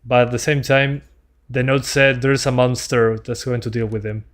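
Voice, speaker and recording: A man's voice: medium pitch, steady tone, normal speed. A man doing casual gameplay commentary as a streamer, chatting with his viewers as he plays. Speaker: game streamer.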